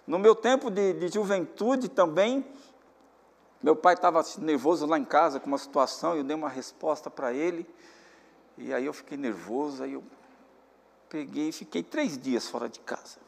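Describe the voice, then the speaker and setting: Man, pastor, earnest sermon, slightly high voice, long hall echo. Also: fairly quick, gravelly. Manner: earnest, preacherly, repeats "meus amados irmãos". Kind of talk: sermon with personal stories.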